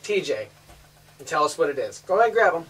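A woman's voice: low-pitched, very animated, quick pace, a bit bright, husky. A woman hosting a casual family home video, chatting upbeat and coaxing the kids along as she shows things off. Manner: upbeat, coaxing the children on camera. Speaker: host showing a family snake collection. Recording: distant home camera audio, light hiss.

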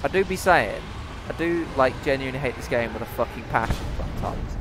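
A young man banters loudly with friends while gaming, swearing at almost every turn. His pitch swings high and low as he jokes. Loud game music sits under his voice. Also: lively intonation, a little fast. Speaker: gaming channel host. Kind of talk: casual gameplay chat with friends.

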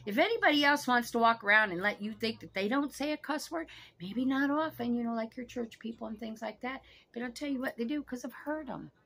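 Fairly quick, animated and creaky, this woman's voice is a little high with a fairly bright tone. In her sixties and seated on the couch of a small home room, she vlogs casually, swearing freely and speaking frankly right to the camera.

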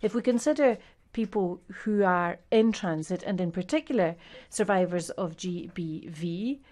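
A woman speaking as a webinar panelist, giving measured, structured remarks over a video call. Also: lowish voice, darkish tone.

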